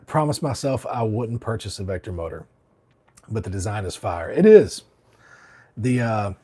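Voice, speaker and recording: A man's voice: mid-range voice, darkish tone, breathy edge. A man from Alabama, hosting a barber livestream, chatting casually and reading out comments while a bit under the weather. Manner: rambling, laid-back, many fillers and restarts.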